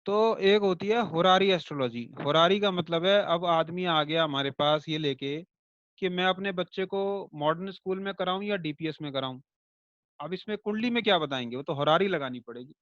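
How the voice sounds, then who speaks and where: A man with a high-pitched voice teaches an online astrology class in a chatty way. He checks in with rhetorical questions and makes his points through homely comparisons. The recording is dry and a little dull and lo-fi. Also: normal speed, a bit bright, no room sound. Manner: conversational, with rhetorical check-ins to students; explains by everyday comparisons and light jokes.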